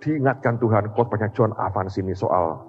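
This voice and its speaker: A man, preaching a sermon as a pastor, telling a testimony with animated storytelling that rises to loud emotional peaks. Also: lowish voice, moderate pace. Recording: dull reverberant church hall recording with faint music.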